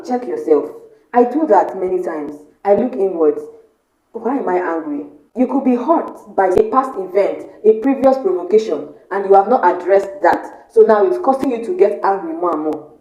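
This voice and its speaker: Woman host, mellow tone, earnest self-help talk with rhetorical questions, roomy echo. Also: medium pitch, dull audio. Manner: earnest, asks the viewer rhetorical questions and repeats key points. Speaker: motivational YouTube host. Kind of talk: motivational talk to camera.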